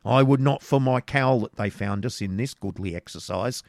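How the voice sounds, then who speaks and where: Man doing jolly tipsy friar, hearty, booming, slow, storybook, close and dry. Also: vocal fry, dry recording, lightly acted. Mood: jovial. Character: jovial portly male hermit friar, tipsy and boisterous.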